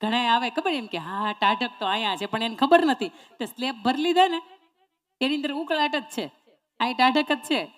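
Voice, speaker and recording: A woman's voice: high voice, moderate pace. A woman giving a motivational speech, telling folksy stories, repeating words and quizzing her audience. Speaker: motivational speaker.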